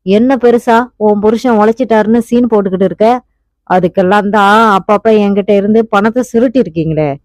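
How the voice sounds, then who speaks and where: A woman's voice: mid-range voice, a little fast, darkish tone, dry recording, natural voice. A woman voicing a desperate young husband. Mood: commanding, angry. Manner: pleading then commanding. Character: anguished young husband, fierce when roused. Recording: dull, muffled audiobook recording.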